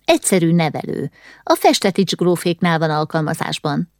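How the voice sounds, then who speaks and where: A proud aristocratic mother in a spoken storybook, condescending and easily alarmed, played by a woman narrator. Her voice sits low but swings widely in pitch. The sound is dry with no room echo. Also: very animated. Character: haughty, fussy aristocratic mother, middle-aged woman.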